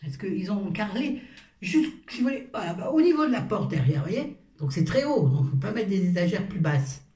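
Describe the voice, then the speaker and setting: A woman's voice: medium pitch, very animated, fairly quick, mellow. Chatty woman in her fifties, roomy echo. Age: 50s. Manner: chatty, self-mocking and playful. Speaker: beauty vlogger. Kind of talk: casual skincare routine chat to camera. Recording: roomy echo, far from the mic.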